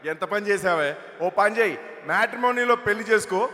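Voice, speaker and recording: A man's voice: high-pitched, brisk, bright, forceful tone. A man playing an exasperated, lamenting father. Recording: long hall reverb over PA.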